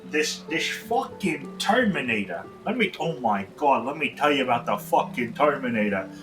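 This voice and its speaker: A man's voice: mid-range voice, expressive, a little fast, recorded from a distance, music in the background, close to an everyday voice, rough recording. A man voicing a brash, swearing male rogue with a wandering put-on accent, rambling as he talks. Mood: boastful. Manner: rambling, profane, laughing through it. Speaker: player. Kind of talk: in-character tabletop role-play.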